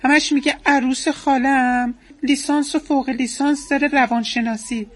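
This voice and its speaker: A woman's voice: high-pitched, fairly even intonation. A woman playing a whiny, clueless wife. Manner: whiny, naive complaining. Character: clueless, self-centered married woman patient. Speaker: patient at a counseling session. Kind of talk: comedy sketch acting.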